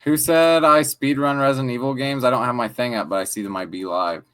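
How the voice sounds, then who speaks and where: A man co-hosting a podcast, joking around and getting excited in casual chat. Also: mid-range voice, brisk, smooth. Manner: jokey, excitable, laughing. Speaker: podcast co-host.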